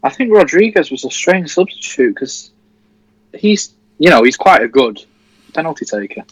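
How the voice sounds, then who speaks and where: A man's voice: a little high, big pitch swings, moderate pace, husky, dry recording, low-quality recording. An eighteen-year-old man from Leeds co-hosts a football watchalong stream in an easygoing, jokey way. His voice is recorded dry and close, with no room sound. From Leeds, England. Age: teens. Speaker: livestream co-host. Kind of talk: casual football watchalong chat.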